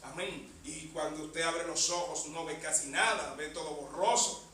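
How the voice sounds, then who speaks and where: A man preaches a sermon in an echoey church hall, recorded from a distant mic with a little hiss or hum. His voice is on the high side, bright and forceful, at a moderate pace. He punctuates his phrases with amen and "bendito sea el Señor."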